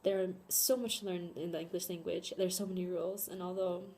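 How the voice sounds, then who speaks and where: A woman's voice: fairly low pitch, little pitch movement, brisk, warm tone. Earnest young woman giving a class presentation. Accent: American. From born in South Korea, raised in Chicago. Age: young adult. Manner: earnest, with frequent ums and spelled-out letters. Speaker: student presenter.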